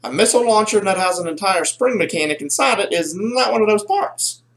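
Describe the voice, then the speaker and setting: A man telling a rambling, animated story in a casual toy review. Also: high-pitched, fairly quick.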